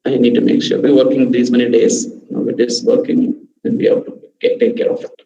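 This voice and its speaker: A man with an Indian English accent teaches a live online lesson over a video call, speaking fairly quickly in a warm, medium-pitched voice with little pitch movement. As a workshop trainer, he walks through numbered, step-by-step tips and keeps returning to "okay." The video-call audio sounds dull and roomy, with a faint hiss.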